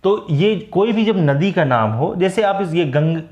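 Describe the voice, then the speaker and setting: A man with a Hindi accent teaching English grammar in a classroom-style lecture, mixing Hindi and English and slowing down to spell out the English example phrases. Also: high voice, lively intonation, a little mellow, dull audio. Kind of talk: classroom lecture for exam students. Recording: echoey room.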